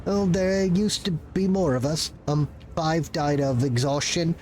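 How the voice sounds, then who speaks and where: Overworked video game clerk, played by a man: high voice, halting and stuttering, frantic, guilty, begging to be understood. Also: darkish tone, slight background noise, close to an everyday voice. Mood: flustered. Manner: stammering, halting, pleading. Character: frantic, guilt-ridden, overworked male clerk with head implant. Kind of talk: improvised reading of game dialogue.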